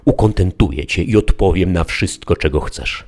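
A man's voice: low voice, normal speed, a little mellow. A man reading a lofty, deluded old knight. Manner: lofty, archaic, declamatory speech. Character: deluded proud knight-errant, older man, solemn and lofty. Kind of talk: audiobook character reading.

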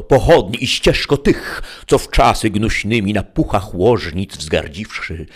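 A man voicing an ancient male wizard spirit in skeleton form, declaiming slowly and ornately. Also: deep voice, pitched above the performer's own voice.

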